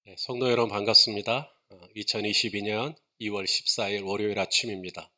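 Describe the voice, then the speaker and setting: A man's voice: lowish voice, steady tone, a little fast, pushed and bright, soft background music. A man preaching a sermon to his congregation, chatting and asking questions, then building to emphatic points. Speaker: pastor.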